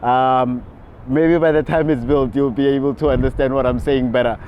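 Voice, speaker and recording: A South African man, a real estate agent, chatting casually on a city rooftop with relaxed fillers and laughs. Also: mid-range voice, normal speed, highs cut off, a little hiss or hum. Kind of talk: casual on-camera chat.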